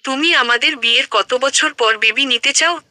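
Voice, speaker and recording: A woman's voice: sits high, normal speed, bright, forceful tone, no room sound. A woman voicing an affectionate, teasing young man talking to his fiancée on the phone in an audio story. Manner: playful, teasing.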